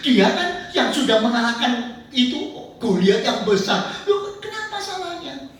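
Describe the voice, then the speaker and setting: A man's voice: very high voice, big pitch swings, unhurried, fairly bright tone, voice pushed up, heavily acted. A man preacher voicing a priest who pleads his innocence and reasons with the king, heard in an echoey church. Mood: protesting. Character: bewildered male priest defending himself. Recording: echoey church hall, mic at a distance.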